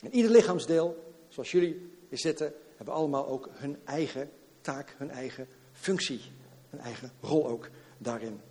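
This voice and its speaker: A man preaching a sermon to his church, lively and repetitive, slipping in English catchphrases. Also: a little high, moderate pace, in a large hall. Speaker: pastor. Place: church hall.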